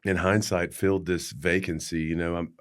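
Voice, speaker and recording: Deep voice guy w appalachian accent, podcast guest telling his life story, folksy and reflective. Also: level tone, moderate pace. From West Virginia, United States. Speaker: podcast guest, former pro football player. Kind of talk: personal storytelling in an interview.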